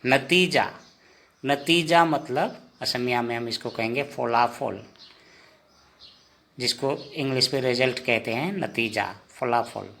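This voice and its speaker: A man giving a vocabulary lesson, saying each word slowly and repeating it several times. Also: mid-range voice, vocal fry, bright, forceful tone. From India. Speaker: language teacher. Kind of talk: slow spoken vocabulary lesson.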